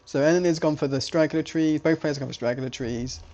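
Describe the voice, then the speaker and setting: A man's voice: fairly high pitch, brisk, darkish tone, highs cut off. A man casting a strategy game live, talking in a chatty, rambling way, often restarting his sentences. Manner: rambling, self-correcting, chatty. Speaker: esports caster.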